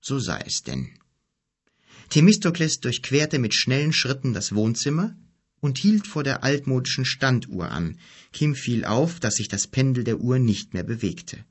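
A man narrating an audiobook in an even storytelling manner. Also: medium pitch, normal speed, slightly rough. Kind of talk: scripted narration.

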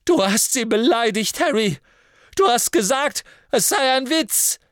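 A man voicing a lovesick teenage boy wizard for a storybook, in a breathy whisper when smitten and high shouting when furious. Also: wildly swooping pitch, takes it slowly, no echo, clean studio sound, full character voice.

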